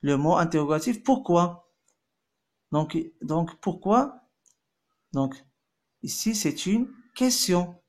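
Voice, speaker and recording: A man teaches French grammar, his voice sitting somewhat high for a man. He reads example sentences slowly, repeats them, then switches to quick Arabic to translate and explain. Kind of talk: bilingual grammar lesson.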